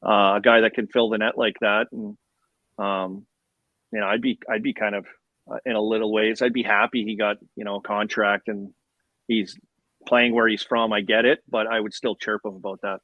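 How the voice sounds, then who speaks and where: A man's voice: lowish voice, little pitch movement, moderate pace, no room sound, phone-quality sound. A man talking casual sports as a slangy, chirpy hockey bro ex-player. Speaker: former hockey player guest.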